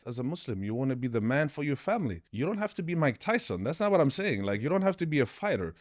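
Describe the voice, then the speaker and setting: A man from Sweden, a martial arts coach, speaking as a podcast guest in an animated, expressive way. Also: medium pitch, fast. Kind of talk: podcast interview.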